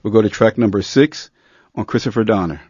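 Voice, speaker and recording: A man's voice: on the low side, fairly quick, very noisy. Hesitant male radio host, dull sound. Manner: relaxed, hesitant, many fillers. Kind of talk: live radio hosting.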